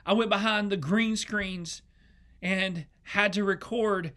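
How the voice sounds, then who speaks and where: A man's voice: high-pitched, fairly even intonation, slow pace, bright, forceful tone. A young man preaching a sermon as an associate pastor, earnest and emotional, often repeating himself. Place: church sanctuary.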